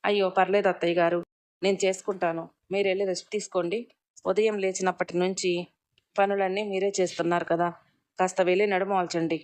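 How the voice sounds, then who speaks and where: A woman's voice: mid-range voice, flat delivery, brisk, darkish tone, close to an everyday voice. A woman voicing a caring young mother and daughter-in-law who speaks politely and turns firm when scolding.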